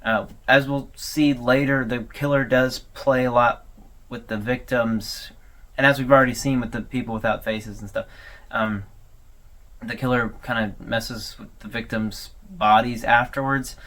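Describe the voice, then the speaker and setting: A man hosts a horror series analysis video, offering casual, conversational commentary full of hesitations and informal asides. His voice is mid-range and fairly bright, with fairly even intonation and a slightly slow pace.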